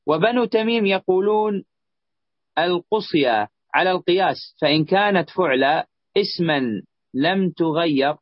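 A man's voice: sits high, moderate pace, dry recording. Man reading a text aloud in class. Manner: steady reading with small slips. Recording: dull lo-fi recording.

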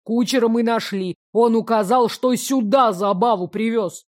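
A woman voicing a burly, angry middle-aged peasant father who bellows slowly and indignantly. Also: on the high side, lightly acted. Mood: aggrieved.

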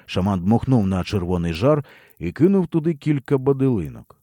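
A man reading a historical novel aloud as an audiobook narrator, with expressive storytelling. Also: mid-range voice, normal speed, dry recording, clean studio sound.

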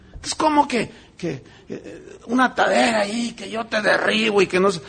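Man, pastor, lively sermon, high and husky. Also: moderate pace. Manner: animated, joking, acts out quoted voices.

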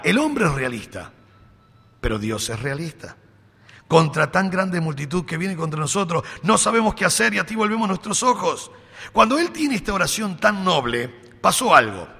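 Animated preacher, gravelly and bright. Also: male voice, on the high side. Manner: animated, acts out dialogue with playful humor. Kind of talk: sermon. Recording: long hall reverb.

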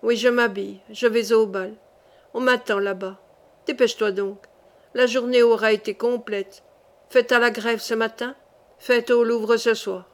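A young queen worn down by grief, her words bitter and tired, as a woman reads her part in an audiobook. The voice is fairly high and close to the reader's own. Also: steady tone, unhurried. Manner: bitter, weary.

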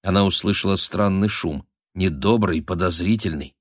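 A man narrating a mystical period thriller as an expressive audiobook reader. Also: low-pitched, moderate pace, no room sound, studio quality. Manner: expressive, dramatic storytelling.

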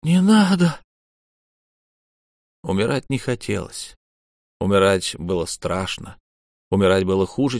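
A man narrating a story as an audiobook reader, steady and measured. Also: lowish voice, dry recording, studio quality. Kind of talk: scripted narration.

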